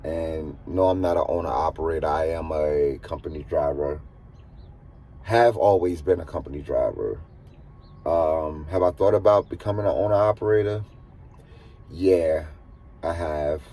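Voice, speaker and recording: This man in his thirties, from the eastern United States, vlogs from inside his truck cab, chatting casually to viewers in an American accent and repeating himself for emphasis. His voice is extremely low and warm, at a moderate pace. Vehicle noise comes through clearly behind him.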